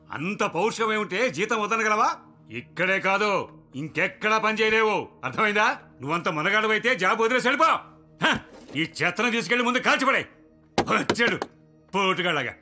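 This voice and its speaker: A man's voice: sits high, expressive, fairly quick, pauses often, pushed and bright, soft background music, heavily acted. An actor dubbing a cynical TV channel boss who berates his reporter with contempt. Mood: scolding. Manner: scolding, contemptuous. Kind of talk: dubbed film dialogue.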